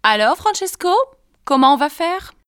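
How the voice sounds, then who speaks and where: A woman's voice: high voice, animated, normal speed, no echo, studio quality. A woman playing a cheeky young kitchen cook who questions her job, in a scripted textbook dialogue. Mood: quizzical.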